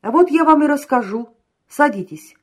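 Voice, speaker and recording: A woman reading an audiobook, voicing a brisk, cheerful man who urges his friend to hurry. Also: high voice, lively intonation, pitched above the performer's own voice. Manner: brisk, urging.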